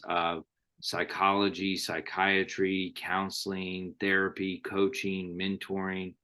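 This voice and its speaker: A man hosting an interview, talking earnestly and slowing down to stress his points. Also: deep voice, bright, forceful tone. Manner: earnest, quotes thinkers, slows for emphasis. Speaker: podcast host. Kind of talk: reflective interview talk.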